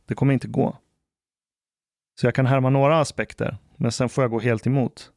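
A man co-hosting a podcast, telling childhood stories in a slow, reflective way. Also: mid-range voice, flat delivery, vocal fry, darkish tone, no echo, clean studio sound. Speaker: podcast co-host. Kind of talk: casual chat.

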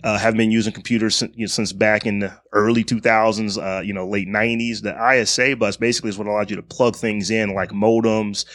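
A middle-aged man with a fairly low voice hosts a casual podcast. He reads out a spotlight segment and keeps stopping to riff in slang. The recording is dry and close, with no room sound. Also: level tone, quick pace, hardly any pauses, fairly bright tone, no echo. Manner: reads notes aloud, then riffs with slang and asides. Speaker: podcast host.

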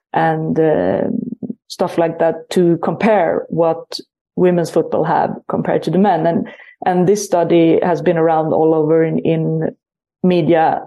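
A woman hosts a casual podcast interview. Her voice sits a little low and sounds warm and relaxed. She talks in an animated way and often repeats words while she finds the next one. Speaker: podcast host.

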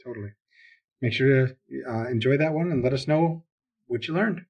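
Minnesotan man, husky casual podcast voice. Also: mid-range voice. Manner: relaxed, chatty, with fillers and quick reactions. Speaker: podcast co-host.

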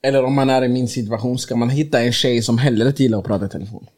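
A man's voice: medium pitch, steady tone, a little mellow. A young man co-hosting a casual chat, asking his friend dry, half-joking questions. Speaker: podcast co-host. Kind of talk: casual banter between friends.

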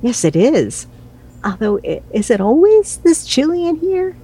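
An actress playing a cheeky mother in her sixties, wry and lively. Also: high voice, unhurried, slightly rough, full character voice. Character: cheeky newly retired mother.

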